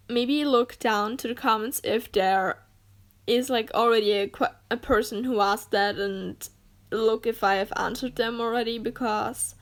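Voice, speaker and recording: Rambling young woman. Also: on the high side. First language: German. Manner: rambling, with many "like"s and self-corrections. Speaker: video editor. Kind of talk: casual voice-over narrating an editing screen recording.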